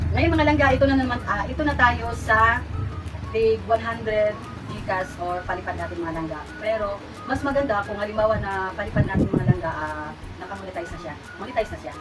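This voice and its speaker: A Filipino woman vlogger hosting a giveaway raffle, talking casually to her viewers with playful teasing and excited squeals. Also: mid-range voice, normal speed. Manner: chatty, excited squeals at each winner, playful self-teasing. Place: hot room indoors. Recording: mic at a distance, music playing loud.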